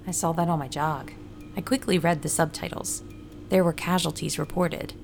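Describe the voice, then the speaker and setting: Here a low-pitched woman keeps a steady tone at normal speed, with some vocal fry and soft music in the background. In a scripted fiction podcast she voices a friendly, everyday runner who writes ads, calmly telling her story in first person and including dialogue.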